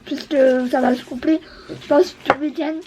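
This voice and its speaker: A woman's voice: high-pitched, fairly even intonation, moderate pace, a little mellow, a little hiss or hum, low-quality recording. A woman beauty vlogger chatting casually, hesitant and full of fillers. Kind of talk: casual chat.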